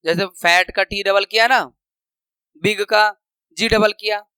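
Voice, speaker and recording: High bright-voiced man teaching grammar. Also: fairly even intonation, clear, resonant tone, no echo, poor audio. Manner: patient, repeats example words slowly and drawn out. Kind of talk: classroom lesson explaining slides.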